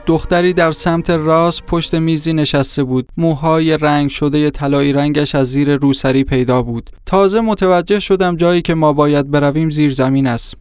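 Smooth-voiced male audiobook narrator. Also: a little high, darkish tone, no room sound, clean studio sound. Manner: measured, descriptive storytelling.

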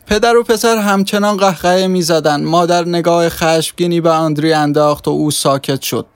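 A man reading a story aloud in steady scripted audiobook narration. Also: a little high, clean tone, no echo.

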